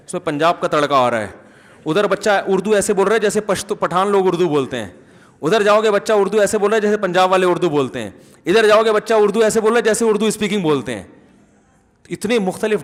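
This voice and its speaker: A middle-aged male cleric delivers a sermon in a high voice, mixing humor with fervent emphasis. He mimics the people he quotes in the manner of a storyteller. His words trail off into long reverberation in a large hall. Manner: emphatic oaths, rising fervor. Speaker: Islamic cleric.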